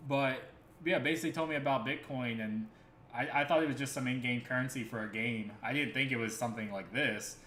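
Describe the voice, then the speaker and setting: A man's voice: mid-range voice, a little fast, pushed and bright, slight background noise. A man hosting a crypto livestream, talking casually and earnestly, rambling with many fillers and restarts. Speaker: crypto stream host. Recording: echoey room with faint ambience.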